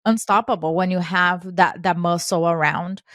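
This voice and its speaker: A woman co-hosting a podcast, talking earnestly in a coaching manner and voicing quoted lines with lively emphasis. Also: fairly low pitch, moderate pace, no room sound, studio quality. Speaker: podcast co-host. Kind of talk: casual podcast conversation.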